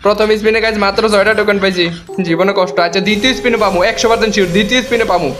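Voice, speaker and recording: A young man with a Comilla Bengali accent races through his gameplay commentary with a high, bright voice and barely pauses for breath. He jokes and teases the players he meets. Game music plays loudly behind him. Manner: excitable, joking, taunts opponents. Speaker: gaming YouTuber.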